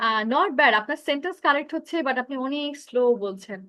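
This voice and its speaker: A woman's voice: sits high, lively intonation, fast, pushed and bright, no echo. A woman with a Bangladeshi accent teaching an online English speaking class, giving feedback and mixing Bengali with English. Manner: instructive, mixes Bengali and English.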